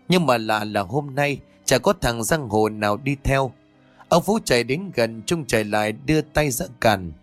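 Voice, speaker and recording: A man telling a scripted ghost story as narrator, in a steady, dramatic way. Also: medium pitch, dry recording.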